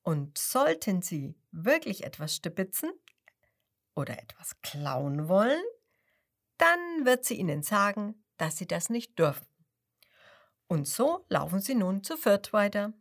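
A woman's voice: medium pitch, sing-song, unhurried. A woman reading a children's story aloud, asking the young listener questions and whispering secrets.

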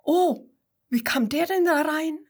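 A woman's voice: high voice, big pitch swings, slow pace, fairly bright tone, heavily acted. A woman playing a playful storybook kangaroo. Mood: apologetic. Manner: playful, sing-song rhyming speech. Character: cheerful, clumsy female kangaroo, noisy but kind.

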